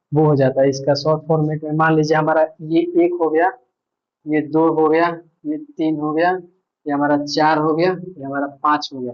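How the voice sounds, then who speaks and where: A man's voice: fairly high pitch, lo-fi sound. A male teacher giving an online grammar lesson, patiently repeating points and asking himself questions.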